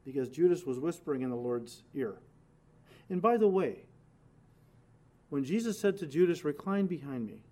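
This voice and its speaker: Male pastor, sermon teaching; emphatic and conversational, talks straight to the congregation, higher-pitched voice. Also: darkish tone. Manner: emphatic, conversational, addresses listeners directly.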